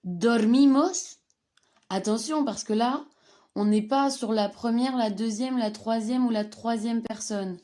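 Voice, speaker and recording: A woman's voice: on the high side, unhurried, warm tone. A woman teaching a slide-based grammar lesson, patiently repeating and stressing each conjugated form. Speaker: Spanish teacher.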